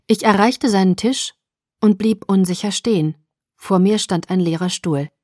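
A woman narrating a German audiobook in the first person, with a measured storytelling read. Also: mid-range voice, darkish tone, no room sound, studio quality.

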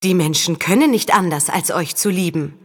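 A woman voicing a quick-witted young female street performer with loud, showy stage patter. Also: lowish voice, breathy edge, big-room sound. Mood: coaxing.

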